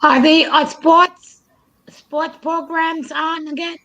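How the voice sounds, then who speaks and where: Hoarse woman co-host, high and bright, slow delivery, faint noise behind. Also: steady tone, rough recording. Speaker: radio co-host.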